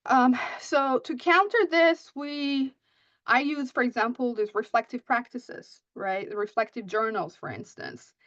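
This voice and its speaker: A woman whose first language is Persian, a writing instructor, presents a conference talk on teaching writing at a measured pace. Her fairly high, fairly bright voice often asks "right?" and restarts lines, and the dry recording sounds muffled.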